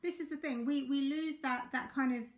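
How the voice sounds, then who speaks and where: Croaky woman life coach. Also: high-pitched, fairly even intonation, fairly quick. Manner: chatty, checks in with viewers often. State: hoarse from a sinus infection. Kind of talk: live-streamed coaching talk.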